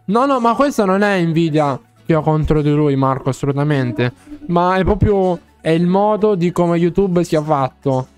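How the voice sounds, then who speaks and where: A man streaming a game live, chatting casually with viewers, excitable and playfully pleading, often laughing. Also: on the high side, moderate pace, faint music behind.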